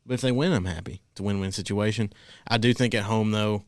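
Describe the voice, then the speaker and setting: A man on a sports talk panel giving his pick in a low-key, dry, wry way. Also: fast, darkish tone, no echo. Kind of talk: casual sports talk, making picks.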